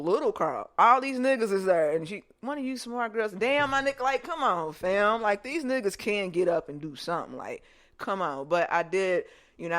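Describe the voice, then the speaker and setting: A woman hosting a podcast, telling childhood stories in a casual, animated way and laughing often. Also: medium pitch. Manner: animated, joking storytelling with lots of laughter. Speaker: podcast host. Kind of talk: casual chat, reminiscing.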